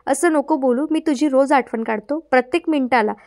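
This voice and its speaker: Storybook figure, dying young man, soft gentle words, high pitch, as a woman reads him. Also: fairly quick. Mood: tender. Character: gravely ill young man, tender.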